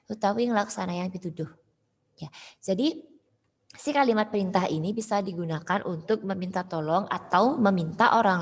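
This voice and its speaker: A woman's voice: mid-range voice, breathy edge. A woman teacher giving an online lesson, explaining patiently and repeating her examples. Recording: long hall reverb.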